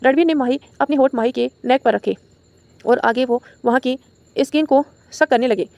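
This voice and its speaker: A woman reading a romantic audio novel aloud as the channel's storyteller, in a brisk, steady voice. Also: high voice, vocal fry, no room sound.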